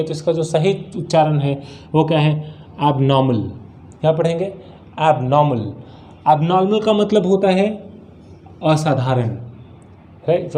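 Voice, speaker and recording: Indian man teaching English, mellow. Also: on the high side. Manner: explains patiently, repeats words and asks rhetorical questions; slows down sharply to read English example sentences. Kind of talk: spoken English vocabulary lesson.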